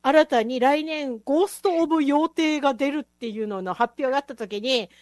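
Woman host, high voice, very animated, dry close sound. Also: moderate pace, no echo. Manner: enthusiastic, chatty, laughs often. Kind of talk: casual chat.

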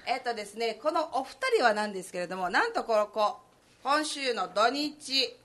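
A woman with a hoarse, gravelly voice, hosting a casual, chatty live radio show and talking to her listeners. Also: on the high side, lively intonation, normal speed, a bit bright. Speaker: radio host. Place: radio studio, live broadcast.

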